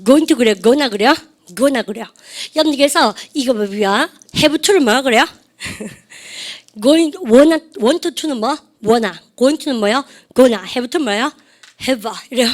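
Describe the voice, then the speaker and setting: A middle-aged woman with a high voice gives an English lesson in a classroom. She teases her students and keeps tossing them quick questions. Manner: lively, teasing, asks the class many quick questions. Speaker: English teacher. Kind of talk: classroom lecture.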